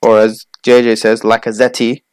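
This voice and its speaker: Young male podcast co-host, smooth clear voice, dry close sound, rattles off names. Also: mid-range voice, fairly even intonation, dry recording. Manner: listing names quickly, argumentative. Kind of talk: casual sports chat.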